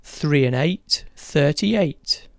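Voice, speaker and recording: Bingo caller, slow unhurried delivery, medium pitch, dry close sound, formulaic number calls. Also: lively intonation, creaky, no echo. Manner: measured, repeats each number in set phrases.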